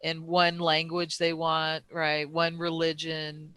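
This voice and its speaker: A man's voice: on the high side, monotone, takes it slowly, bright, forceful tone, smooth, no echo. A man in casual conversation who rambles, with many fillers and restarts.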